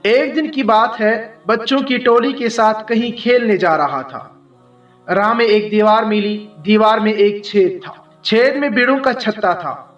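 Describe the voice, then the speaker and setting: A man narrating children's stories for an audiobook in measured, short clipped phrases. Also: sits high, expressive, a bit bright, far from the mic, dull audio. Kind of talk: scripted children's story narration. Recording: roomy echo, heard from afar, faint music.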